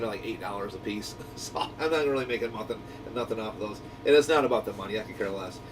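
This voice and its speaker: It sounds like a shop owner talking to viewers: a man offers an enthusiastic, casual product review that rambles along conversationally. There's a low rumbling hum, noisy throughout, and the mic is far away.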